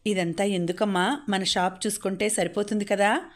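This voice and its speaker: A woman's voice: mid-range voice, fairly even intonation, normal speed, close to an everyday voice. A woman voicing a cautious female relative in a storybook reading, asking worried questions.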